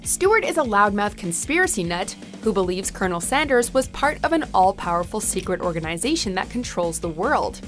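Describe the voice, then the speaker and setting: A woman's voice: mid-range voice, very animated, brisk, hardly any pauses, faint music behind. A woman reading scripted narration for a countdown video as its narrator.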